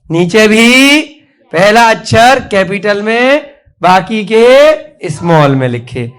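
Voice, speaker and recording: A man's voice: high-pitched, sing-song, slow pace, a bit bright, smooth. A male teacher giving a classroom spelling lesson, who spells words letter by letter and has the children repeat after him.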